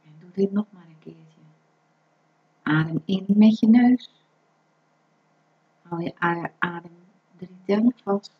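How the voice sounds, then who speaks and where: A woman leads a guided breathing meditation with slow, unhurried phrasing. Her manner is calm and instructive, and the recording sounds dull and lo-fi. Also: mid-range voice.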